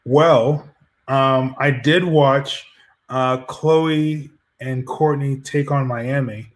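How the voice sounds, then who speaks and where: A man's voice: medium pitch, fairly even intonation, drawn-out words. A man co-hosting a casual chat, rambling and arguing his point with many restarts. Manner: rambling, argumentative, frequent restarts. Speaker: podcast co-host.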